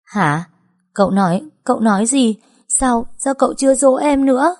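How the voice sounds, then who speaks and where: A woman's voice: mid-range voice, normal speed, a little mellow, voice pushed up, lightly acted. A woman voicing a tearful young bride who stammers and pleads. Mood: whimpering. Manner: stammering, whimpering, repeats words.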